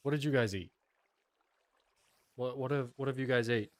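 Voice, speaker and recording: A man's voice: mid-range voice, moderate pace, no echo. Chatty male streamer eating on mic. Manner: chatty, eats on mic while talking to chat. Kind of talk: casual livestream chat. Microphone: close desk mic.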